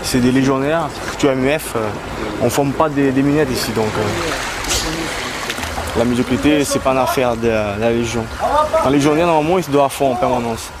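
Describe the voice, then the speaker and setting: A man's voice: mid-range voice, a little fast. A man working as a military instructor, giving candid remarks in a hard, blunt, unsympathetic manner. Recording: very noisy outdoor field recording.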